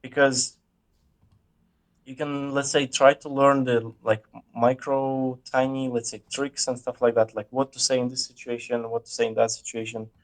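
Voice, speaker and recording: A man in a casual conversation, explaining ideas in a measured way and often pausing to search for words. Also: mid-range voice, flat delivery. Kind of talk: casual chat.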